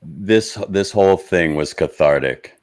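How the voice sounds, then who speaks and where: A man in his fifties with a low, unhurried, slow-sounding voice, chatting casually in a group. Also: expressive. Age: 50s.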